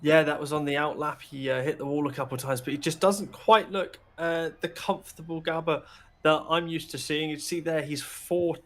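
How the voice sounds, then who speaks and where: A man's voice: fairly high pitch, steady tone, moderate pace, a bit bright. A man doing color commentary on sim racing, chatty and joking in his analysis.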